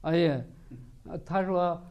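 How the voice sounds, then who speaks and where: A man's voice: sits high, slow, clean tone, highs cut off. A man preaching a sermon, telling a story and often asking rhetorical questions. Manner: animated, frequent rhetorical questions.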